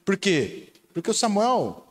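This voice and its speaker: A middle-aged man with a Brazilian Portuguese accent leads a playful, animated sermon. His voice sits a little high and swings widely in pitch as he jokes with the congregation, then turns to teaching. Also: measured pace. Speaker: pastor. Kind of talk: lively sermon with audience game.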